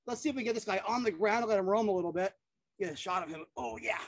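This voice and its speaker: A woman's voice: mid-range voice, racing, no room sound. A middle-aged woman presenting animals outdoors in a yard, talking casually and enthusiastically with surfer-like slang for an educational reptile show.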